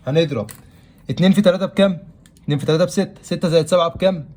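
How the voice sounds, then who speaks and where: An Egyptian math teacher talks through a lesson at a breakneck pace. His voice sits a little high, and he keeps firing questions at the students before answering them himself. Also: racing, warm tone. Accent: Egyptian Arabic. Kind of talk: classroom-style math lesson.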